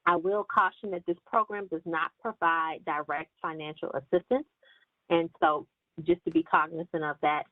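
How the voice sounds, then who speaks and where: Woman agency director, measured presenter, dry and phone-filtered. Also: low voice, no echo. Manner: steady, measured, with frequent ums. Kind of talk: virtual meeting presentation. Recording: tinny phone-line audio, dry.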